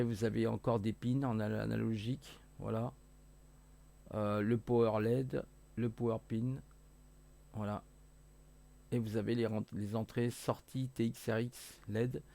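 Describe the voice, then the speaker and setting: A man casually walking viewers through electronics software, hesitant with many fillers, self-corrections and jokey asides. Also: on the low side, level tone, normal speed, gravelly. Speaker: hobbyist electronics youtuber. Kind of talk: casual screen-share tutorial.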